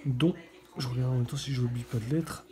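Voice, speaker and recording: A woman's voice: a bass voice, steady tone, a little fast, heavy background noise. A middle-aged woman hosting a scratch-card video, chatting casually and thinking aloud as she checks each letter. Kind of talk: casual running commentary while scratching.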